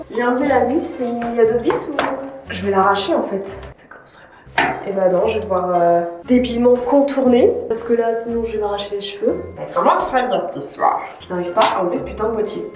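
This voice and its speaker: A woman's voice: a little high, fairly quick, heavy reverb, music in the background, low-quality recording. A young woman filming a casual home vlog, chatty and self-mocking, swearing casually as she paints her entryway. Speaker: vlogger.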